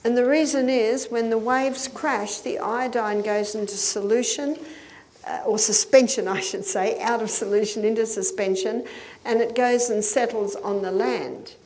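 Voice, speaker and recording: A woman's voice: a little high, steady tone, measured pace, a little mellow. An older woman giving a health lecture to an audience, explaining step by step and checking in with listeners. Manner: explanatory, with occasional laughs and checking questions.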